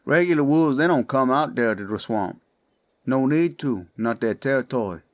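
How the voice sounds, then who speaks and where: In a slow, coaxing drawl, a Cajun-accented man plays a menacing male werewolf masquerading as a friendly swamp guide for a horror audio drama. His mid-range voice is expressive yet close to how he'd normally talk.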